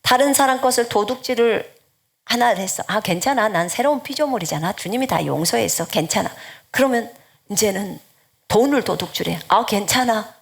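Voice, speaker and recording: A woman's voice: mid-range voice, lively intonation, moderate pace, creaky, husky. A woman missionary preaching an earnest sermon, exhorting her listeners and often dropping into a whisper.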